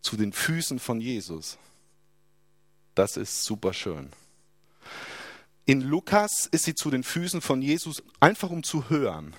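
A man's voice: medium pitch, very animated, measured pace, pauses often, no echo, studio quality. A man preaching a sermon, asking rhetorical questions and dropping his voice for emphasis.

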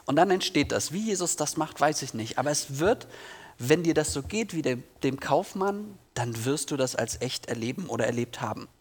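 A man's voice: on the high side, expressive, normal speed. A man preaching a sermon in a church, talking earnestly and directly to the congregation, asking questions and reading a passage from the Bible. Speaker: pastor.

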